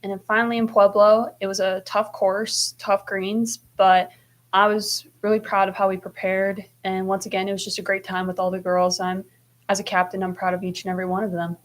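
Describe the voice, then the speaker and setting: A woman's voice: mid-range voice, flat delivery, brisk. A woman in her twenties, a senior team captain, answering interview questions in an earnest, upbeat way. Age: 20s. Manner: earnest, upbeat, repeats praise for teammates.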